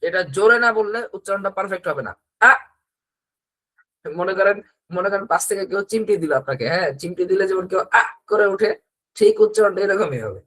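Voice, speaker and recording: A man teaching Quran reading in an online class, slowly drilling letter sounds over and over and pausing to explain. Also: sits high, a bit bright. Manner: slow repetitive drilling with short explanations.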